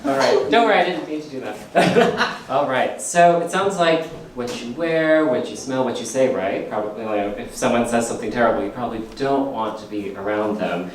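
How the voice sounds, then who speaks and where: A man's voice: mid-range voice, normal speed, crowd noise. A man hosting a live comedy science show with an audience, playful and laughing often. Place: theater stage. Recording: echoey theater from far off.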